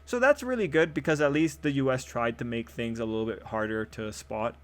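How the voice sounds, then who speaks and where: Hoarse man reviewing an episode. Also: mid-range voice, fairly quick. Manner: upbeat, rambling with fillers and restarts. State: hoarse, losing his voice. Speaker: anime reviewer.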